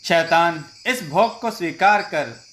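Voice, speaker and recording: A possessed young woman gloats with slow menace over her grisly offering, as a male storyteller puts her on. She speaks at an unhurried, deliberate pace, in a voice a little high, from a spoken horror tale. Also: animated, a bit bright, a little hiss or hum. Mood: gloating.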